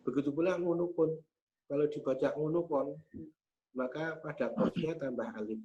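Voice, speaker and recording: A man, teaching Arabic grammar patiently and methodically, pausing often on hesitation sounds. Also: a little high, warm tone. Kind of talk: explaining grammar in a class. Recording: slightly muffled with faint hum.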